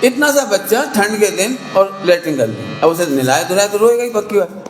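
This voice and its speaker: A man giving a conversational sermon to a gathering, acting out scolding parents and quoted people in a sharp rising voice. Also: sits high, sing-song, normal speed, music in the background. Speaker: Jain preacher. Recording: echoey hall, faint hum.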